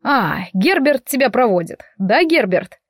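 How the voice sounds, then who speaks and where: A woman voicing a stern, protective necromancer father who speaks curtly and calmly. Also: fairly high pitch, measured pace, no echo, studio quality. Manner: curt, calm.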